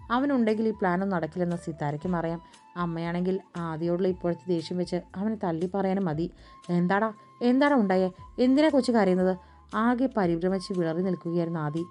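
A woman reads a romantic drama story in a lower register. She narrates steadily and lifts her voice for the characters' lines. Soft music plays faintly underneath. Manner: acts out dialogue with raised pitch and force. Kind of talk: scripted narration of a romance audiobook.

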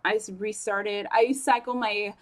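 A young woman vlogging casually about her training, talking fast and chatty with lots of fillers and self-corrections. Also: mid-range voice, fairly even intonation. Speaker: fitness vlogger. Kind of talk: casual vlog chat.

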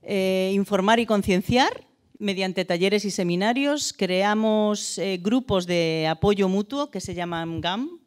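Una mujer con acento madrileño que habla a una congregación en una iglesia con micrófono de mano, con algunas muletillas. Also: female voice, mid-range voice. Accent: Madrid Spanish. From Spain. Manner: hesitant, with fillers. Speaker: guest speaker at a church. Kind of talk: church talk to a congregation. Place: church hall with a small stage. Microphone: handheld microphone.

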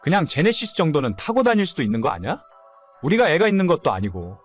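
A man's voice: on the high side, wildly swooping pitch, quick pace, faint music behind. A man playing an immature, whining, hungover husband in his late thirties in a dramatized story. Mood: whiny, insistent. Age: late 30s. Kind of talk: dramatized audio story dialogue.

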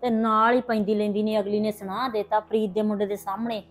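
A middle-aged woman acts as an anxious mother pleading with her sister-in-law for help in a village family drama made as a hobby vlog. Her mid-range voice moves quickly with little pitch change and sounds close to ordinary speech.

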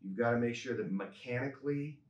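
A man in his fifties, a chiropractor being interviewed, speaking calmly and earnestly in an office. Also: medium pitch, fairly quick, dull audio. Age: 50s. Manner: calm, earnest, repeats phrases for emphasis. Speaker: chiropractor guest. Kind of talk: reflective interview talk. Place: office with a desk and a skeleton model. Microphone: desk microphone on a stand. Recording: roomy office sound, mic a bit distant.

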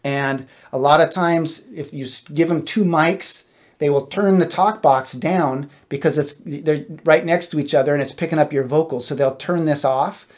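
A middle-aged American gigging guitarist offers casual instructional tips to camera, wry and self-deprecating in manner. His voice is a little high at normal speed, picked up by a close stand-mounted dynamic mic in a small home studio.

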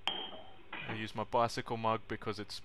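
Clicks and clatter fill this noisy recording from a small indoor home kitchen, where a young vlogger shows how to make coffee with informal, self-mocking narration. He speaks a little slowly and flatly in a lowish voice that sounds bright and forceful.

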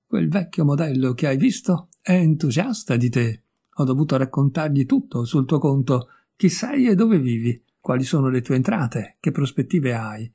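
A man's voice: mid-range voice, lively intonation, normal speed, vocal fry, mellow, slightly rough. A man voicing a witty, worldly young male painter in an audiobook, speaking in a breezy, teasing way. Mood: amused. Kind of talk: audiobook character voice.

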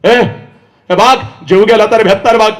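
High-voiced man lecturing fiercely. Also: fairly even intonation, moderate pace. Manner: fiery, scolding, shouting at the crowd; repeats commands to the audience. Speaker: motivational public speaker. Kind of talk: impassioned stage lecture. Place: large event before a seated audience.

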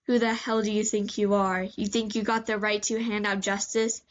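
A woman voicing a menacing young male fire villain in a low, bored tone. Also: little pitch movement, moderate pace, lo-fi sound, natural voice. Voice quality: low, sinister.

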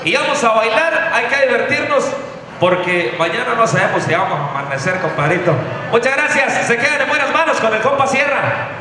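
A man's voice: very high voice, fairly quick, noisy background. A man from Tierra Caliente, Mexico, emceeing a live stage show with a handheld mic, loose, joking and thankful. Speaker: event emcee. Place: large indoor event hall with a stage. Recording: echoey hall over live music.

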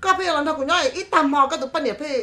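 Slightly high-voiced woman on a talk panel. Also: bright, forceful tone. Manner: switches quickly between English and another language. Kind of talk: casual panel discussion.

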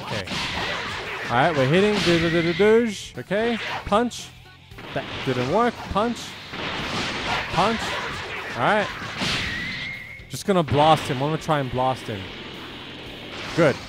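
A man's voice: on the high side, animated, slow, long pauses. A young man with a phlegmy, rattly chest voice rambles through casual gameplay commentary, slangy and repeating himself, as the host of a gaming video. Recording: game music behind voice. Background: video game music.

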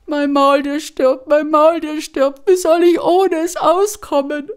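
A woman storyteller voicing a distraught peasant woman who cries out in high, panicked wails. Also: fairly even intonation, slow pace. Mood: wailing.

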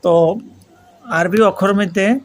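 A man's voice: high voice, steady tone, a little slow. A man from Pakistan with a Pakistani accent and native Urdu, teaching interactively in a foreign learner's Bengali mixed with Urdu, repeating and prompting with questions. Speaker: Arabic grammar teacher. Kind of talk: interactive lesson, explaining and quizzing students.

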